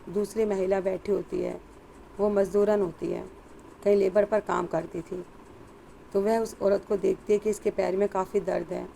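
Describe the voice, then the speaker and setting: A woman narrates a story in a low-key, reflective manner. Her voice is mellow and gravelly with little rise and fall, over a faint background hiss. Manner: slow, reflective storytelling with soft quoted lines.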